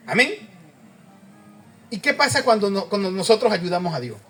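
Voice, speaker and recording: A man's voice: sits high, sing-song, normal speed, fairly bright tone, faint music behind. A man preaching a conversational sermon, often asking the congregation questions and repeating amen.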